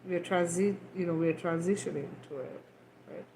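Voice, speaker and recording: Speaking fairly quickly in a mellow, fairly low voice with fairly even intonation, a Kenyan-raised woman hosts a livestream as a spiritual healer, repeating herself loosely and asking "right?" along the way as she guides a healing. The recording is rough, with some hiss or hum.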